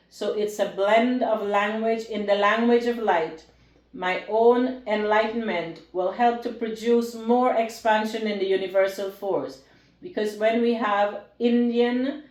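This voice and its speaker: A woman's voice: medium pitch, a little mellow. A woman from Guyana, giving a solemn spiritual talk to one listener in earnest, repetitive phrasing. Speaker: spiritual speaker. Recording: roomy echo.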